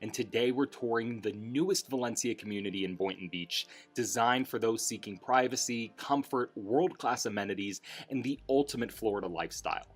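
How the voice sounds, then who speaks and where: A man's voice: medium pitch, a little fast, hardly any pauses, faint music behind. A man narrating a scripted promotional home tour as host, in an upbeat, polished travel-show manner. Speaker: real estate agent and home tour host.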